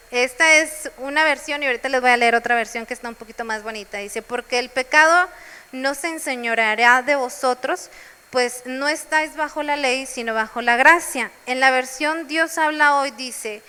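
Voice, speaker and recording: High bright-voiced woman preaching. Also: clear, resonant tone, big-room sound. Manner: personal, testimonial preaching. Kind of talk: sermon. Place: church.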